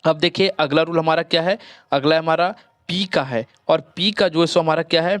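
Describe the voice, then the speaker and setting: A man with a Hindi accent teaching English pronunciation, repeating each word slowly and drawing out the sounds. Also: on the high side, a bit bright, dry recording. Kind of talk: phonics lesson.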